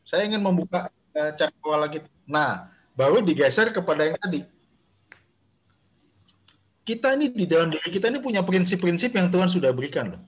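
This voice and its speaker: Man, pastor, Bible study, video call audio, chatty teaching, fillers and restarts, slightly high voice. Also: animated, fairly quick, long pauses. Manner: conversational, addresses listeners directly, many fillers and restarts. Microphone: video call microphone.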